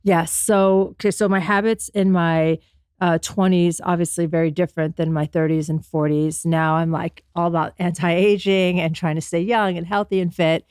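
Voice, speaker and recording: A woman in her forties with a lowish voice, born in Afghanistan and raised in America. She speaks as a podcast guest in an earnest, motivational tone, pausing often on "um". The sound is dry and close, with no room echo. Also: little pitch movement, a little mellow, clean tone. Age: 40s. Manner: earnest, motivational, with frequent ums. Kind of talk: reflective personal storytelling.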